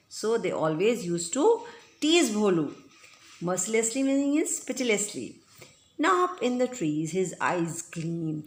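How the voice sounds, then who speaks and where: A woman teacher reads a storybook chapter aloud and explains it line by line, acting out the shouts. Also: on the low side. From India. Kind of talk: reading and explaining a textbook story.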